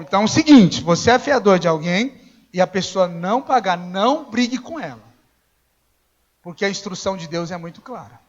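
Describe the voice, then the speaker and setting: A high-pitched man preaches a conversational sermon in a church, telling stories and acting out the dialogue. He rises to shouts at times, and the recording sounds dull and lo-fi. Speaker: pastor.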